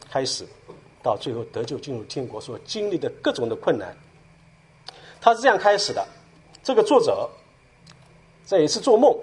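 A man speaking at church, retelling a story as a sermon in an animated way and dotting his talk with filler sounds. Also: a little high, husky.

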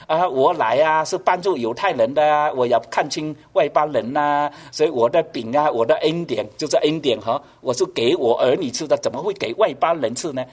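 A man's voice: fairly high pitch, a little fast, hardly any pauses. A man preaching a sermon, asking the congregation rhetorical questions and pushing his voice up for emphasis. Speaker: pastor.

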